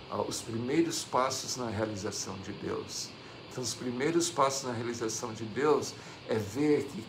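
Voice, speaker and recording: A man's voice: medium pitch, gravelly, background noise. A man with a Brazilian Portuguese accent giving a religious class, reading scripture and commenting. He repeats phrases and keeps asking "não é?" to his listeners. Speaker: religious teacher. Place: devotional center hall.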